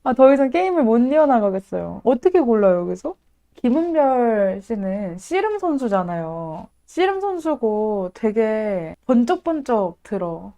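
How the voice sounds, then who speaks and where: Excitable, laughing woman streamer. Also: a little high, unhurried. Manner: excitable and dramatic, often laughing, exaggerated frustration. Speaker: streamer hosting a live chat. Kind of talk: casual live-stream chat reacting to viewer comments.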